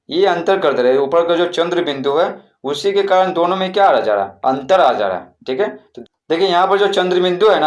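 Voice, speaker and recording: A man, teaching a primary school textbook lesson and often repeating words with frequent check-ins. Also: high voice.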